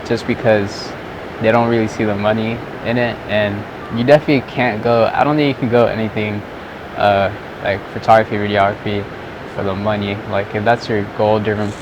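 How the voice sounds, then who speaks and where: His voice is on the low side and fairly flat in pitch, and he talks briskly. He's a young Southern California vlogger and photographer rambling to the camera outdoors at sunset, full of "like"s, with traffic noise around him.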